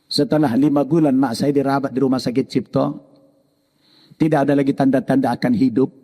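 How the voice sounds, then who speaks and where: A middle-aged male preacher telling a personal story in a sermon, animated and acting out the voices in it. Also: medium pitch, brisk, in a large hall. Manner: animated, voicing his mother and others in quoted dialogue.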